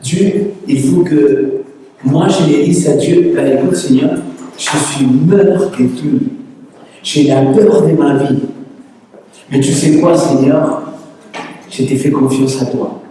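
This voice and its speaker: A man's voice: fairly high pitch, slow, pauses often, mellow, slight background noise. A male pastor with a Spanish accent preaching a conversational sermon with lots of rhetorical questions, recorded in a church hall. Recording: echoey church hall, distant mic.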